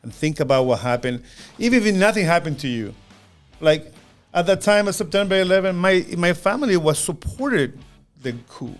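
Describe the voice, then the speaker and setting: A man in his fifties from Chile, with a Chilean Spanish accent, co-hosting a podcast in an earnest, halting way, often repeating words. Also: high voice, animated, faint music behind. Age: 50s. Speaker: podcast co-host. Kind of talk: casual podcast chat.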